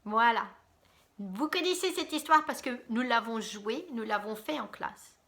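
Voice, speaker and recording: Slow, animated storytelling teacher woman. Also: on the high side. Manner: slow, animated, addressing pupils directly. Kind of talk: storytelling to children.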